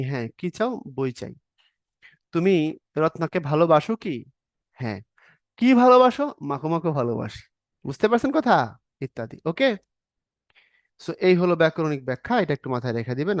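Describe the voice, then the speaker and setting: A man with a fairly high voice teaching an exam-prep grammar class. He explains each rule step by step, acts out short example questions and answers, and keeps asking whether the students are following. The recording is dry and close. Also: expressive, moderate pace, pauses often, no room sound.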